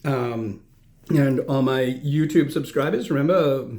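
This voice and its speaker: A man's voice: mid-range voice, measured pace, a little mellow. A man hosting a snack tasting video, reading out product notes and chatting as he chews. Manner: self-deprecating, chatty, chews while talking.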